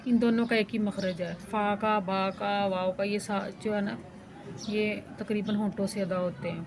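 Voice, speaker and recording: A woman with a Pakistani Urdu accent teaching Quran reading. She chants syllables slowly, then explains the rules quickly. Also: mid-range voice, a little mellow, slight background noise. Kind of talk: recitation lesson.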